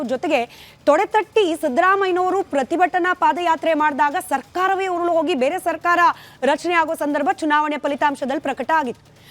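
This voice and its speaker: Kannada woman anchoring, high voice. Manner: pointed rhetorical questions. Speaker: news debate anchor. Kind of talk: scripted news debate intro.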